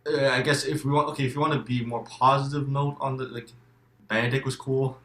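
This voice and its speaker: Guy w a bright voice, keeps tripping over his words, swears a lot, echoey room. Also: medium pitch, level tone, fairly quick. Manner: stammering restarts, emphatic, swears freely. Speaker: guest. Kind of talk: casual game discussion.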